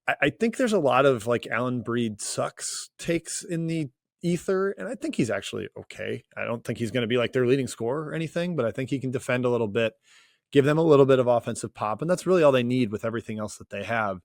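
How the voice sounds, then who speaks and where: Relaxed male sports podcast co-host. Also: medium pitch, dry recording, clean studio sound. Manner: relaxed, measured analysis with hedging fillers. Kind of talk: casual sports podcast chat.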